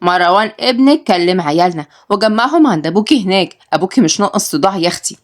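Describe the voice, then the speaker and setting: A woman's voice: medium pitch, expressive, rapid-fire, lightly acted. A woman voicing a spiteful, sarcastic middle-aged aunt in an Egyptian accent. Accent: Egyptian Arabic. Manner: sarcastic, needling.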